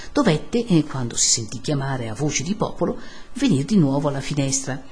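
A woman reading a classic novel aloud with expressive, dramatic storytelling. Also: sits low, slightly rough. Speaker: reader.

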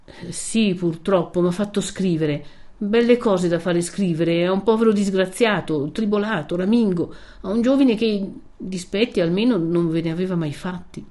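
A woman's voice: lowish voice, moderate pace, mellow, close to an everyday voice. A woman voicing a young peasant man who pleads urgently and emotionally in a storybook reading. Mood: pleading.

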